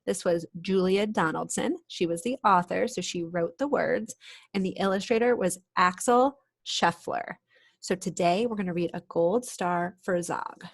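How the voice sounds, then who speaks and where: Her voice fairly low, a woman reads expressively from a storybook for children. She keeps stopping for conversational explanations and questions to the kids listening.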